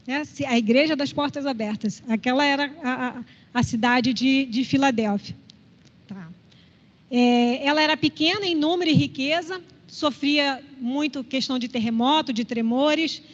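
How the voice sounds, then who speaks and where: A woman's voice: high-pitched, moderate pace. A woman with a Brazilian Portuguese accent teaches a church Bible class in a conversational way, often checking in with her listeners. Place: church hall. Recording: reverberant hall, slightly dull sound.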